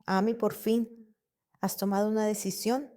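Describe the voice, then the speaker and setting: A woman reading the lines of a stern, furious father who shouts and dominates. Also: medium pitch, flat delivery, unhurried, close to an everyday voice. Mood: demanding.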